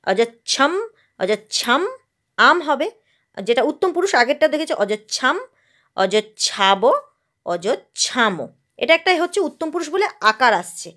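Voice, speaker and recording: Woman teacher from West Bengal, high voice, asks and answers herself, grammar drill. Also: fairly bright tone. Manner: asks and answers her own questions, drills forms. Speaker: Sanskrit teacher. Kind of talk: grammar lesson.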